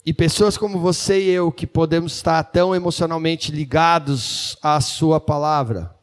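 A man interprets a sermon live, following the preacher one phrase at a time. His voice sits slightly high, and he fills gaps with small hesitations and corrects himself mid-phrase as he translates. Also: fairly even intonation, moderate pace.

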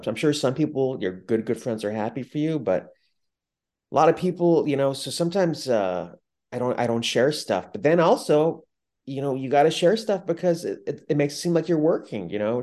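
A man's voice: medium pitch, expressive, brisk, a little mellow. A man in casual podcast chat, telling stories candidly and animatedly.

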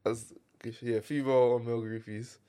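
A man's voice: medium pitch, level tone, normal speed, mellow, clean tone. A young man in casual podcast banter with a friend. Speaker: podcast co-host.

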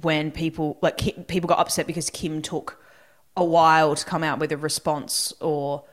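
Low-voiced woman musing in casual chat. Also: level tone, moderate pace. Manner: thoughtful, hedging with fillers and restarts. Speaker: podcast co-host.

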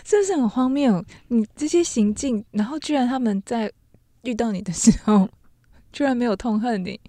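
A woman's voice: a little high, normal speed, warm tone, no room sound, clean studio sound. A woman co-hosting a podcast, reacting with teasing disbelief. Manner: incredulous, teasing, laughing. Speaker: podcast co-host. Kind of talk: casual chat.

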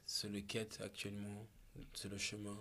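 A man from Malawi talking slowly and thoughtfully as a podcast guest, with searching pauses and restarts. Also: lowish voice, monotone, pushed and bright, a little hiss or hum. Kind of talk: reflective conversation.

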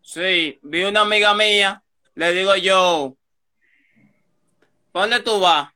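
A man telling a story fast in a casual chat, acting out the quoted lines. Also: high-pitched, pushed and bright.

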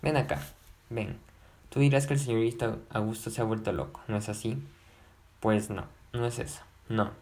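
A man reading aloud, voicing an agitated, lovesick gentleman who pleads and repeats himself. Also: lowish voice, steady tone, normal speed, close to an everyday voice. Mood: coaxing. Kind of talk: audiobook narration.

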